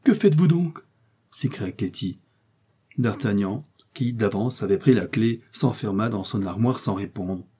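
A man narrating a classic novel in a measured, expressive reading. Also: lowish voice, slightly rough. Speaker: audiobook narrator. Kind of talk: literary audiobook narration.

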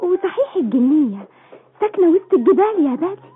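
Very high voiced headstrong young girl, radio play, thin phone-like old recording. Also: sing-song, fast talker. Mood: soft, dreamy. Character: defiant, tearful young Bedouin woman, headstrong and dreamy. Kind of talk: Arabic radio drama acting.

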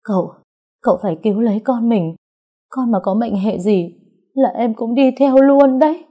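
A frantic young mother, weeping and pleading, her voice raised and breaking, as a woman narrator puts her on. The tone is dark and husky. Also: on the high side, normal speed, pitched above the performer's own voice, natural voice. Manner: pleading, tearful.

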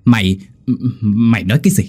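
A man's voice: fairly low pitch, brisk, a little mellow, lightly acted. A man voicing a cruel old male landlord who barks orders and trembles when afraid. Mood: fearful.

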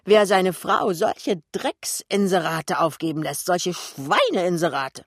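A man's voice: high-pitched, animated, takes it slowly, no room sound, studio quality, full character voice. A man voicing a spiteful male shop clerk who mocks and provokes a colleague. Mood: needling. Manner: mocking, provoking.

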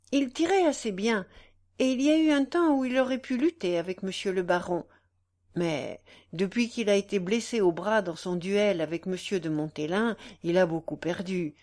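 A woman's voice: medium pitch, lively intonation, moderate pace, a little mellow. A woman reading as a grave fencing master. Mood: explaining. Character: a military-mannered fencing master, man about forty, grave and composed.

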